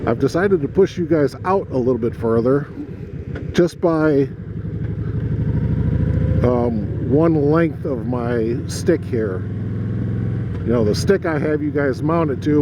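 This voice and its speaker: An American man chatting casually to viewers from inside a helmet as he rides a motorcycle, rambling and explanatory. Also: medium pitch. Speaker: motovlogger. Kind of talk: casual chat to camera while riding. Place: outdoors on a moving motorcycle, talking inside a helmet. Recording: loud engine, wind and road noise.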